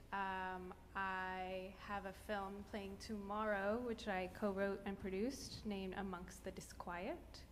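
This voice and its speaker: A woman with a British accent, a filmmaker introducing herself in a measured way. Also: mid-range voice. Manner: measured, with fillers. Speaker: filmmaker panelist. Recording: faint room noise.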